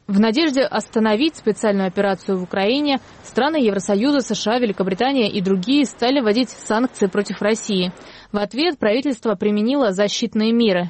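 A woman narrating a news report in an even, measured, scripted read. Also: mid-range voice, dry recording.

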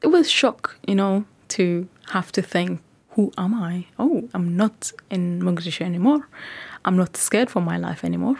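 A woman in her thirties from Somalia, telling her own story in an interview, reflective and quick in places. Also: on the low side, expressive, vocal fry, darkish tone, slightly rough.

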